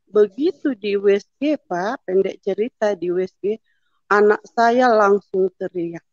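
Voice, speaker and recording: A woman's voice: medium pitch, measured pace, darkish tone, no room sound. Middle-aged woman, testimony, storytelling, voices the dialogue, dry close sound, dull lo-fi audio. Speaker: testimony speaker. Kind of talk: personal testimony in church.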